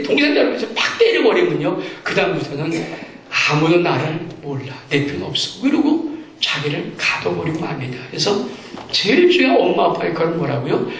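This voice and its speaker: A man's voice: sits high, a bit bright, a little hiss or hum. A man preaching a sermon as pastor, acting out parents and children as he talks. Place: church sanctuary. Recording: echoey church hall, distant mic.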